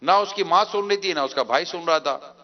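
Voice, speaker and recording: A man's voice: fairly high pitch, pushed and bright, dull audio. A man preaching a sermon, telling a story emotively with repeated phrases.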